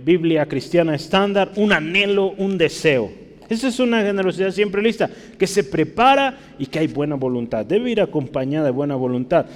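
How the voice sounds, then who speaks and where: A man preaching a sermon as a pastor, teaching and checking often whether his listeners follow. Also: a little high. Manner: teaching, asks the congregation frequent checking questions. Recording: long hall reverb.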